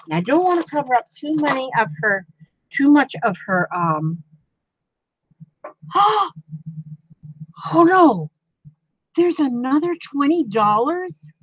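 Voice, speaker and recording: A woman's voice: sits high, very animated, unhurried, slightly rough, dry recording, dull audio. Chatty older woman crafting on a livestream. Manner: chatty, gushing thanks to viewers with frequent gasps. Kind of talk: casual live-stream chat while sewing.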